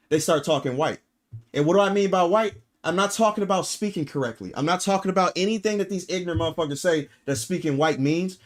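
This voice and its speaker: A man streaming live, talking bluntly and emphatically to his chat, peppering his points with profanity and rhetorical "right?" tags. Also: on the high side. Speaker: streamer reacting and reading chat. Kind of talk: casual livestream rant.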